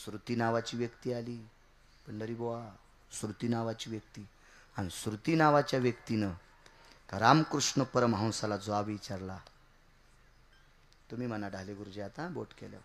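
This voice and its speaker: A man preaching a devotional kirtan sermon, swinging from shouted high outbursts to low quiet asides. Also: fairly even intonation, moderate pace, long pauses, a little hiss or hum.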